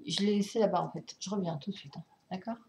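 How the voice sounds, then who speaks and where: Her voice is mid-range and quick, with a slight hiss or hum on the recording. She's a woman giving a casual vlog tour of her record collection, full of fillers and apologies yet laughing with excitement, her distance from the camera mic shifting as she moves.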